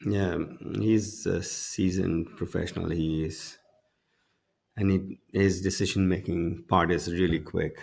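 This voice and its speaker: A man's voice: low-pitched, steady tone, takes it slowly, gravelly, darkish tone, slightly rough. A man giving analysis as a golf commentator during live tournament coverage. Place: broadcast studio.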